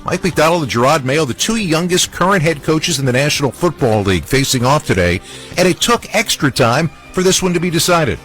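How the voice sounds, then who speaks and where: High-voiced male sports radio host. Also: lively intonation, brisk, a bit bright. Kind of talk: scripted highlight-show narration. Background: music bed.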